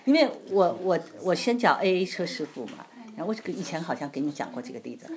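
A woman giving an informal church talk on marriage, telling stories with lively emphasis and frequent laughter. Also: on the low side, fast. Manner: animated storytelling, laughs often. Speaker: church speaker.

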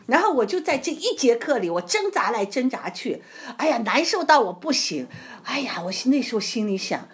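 A woman giving an informal church talk on marriage, telling stories with lively emphasis and frequent laughter. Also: fairly high pitch, moderate pace, hardly any pauses. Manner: animated storytelling, laughs often. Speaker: church speaker.

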